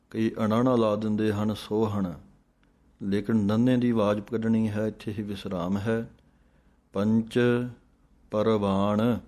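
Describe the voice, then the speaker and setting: A male recitation teacher with a low, mellow voice leads a calm lesson. He chants each verse at an unhurried pace, then patiently explains where to pause. His delivery stays flat and steady throughout.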